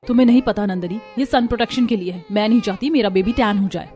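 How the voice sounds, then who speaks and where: एक महिला एक कार्टून कहानी में एक घमंडी, लापरवाह युवा माँ की आवाज़ दे रही है, तीखे और टालने वाले अंदाज़ में।. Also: female voice, medium pitch, fast, close to an everyday voice. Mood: haughty. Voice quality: sharp, dismissive. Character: arrogant young modern wife, careless mother. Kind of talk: Hindi cartoon voice acting. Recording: light music behind voice.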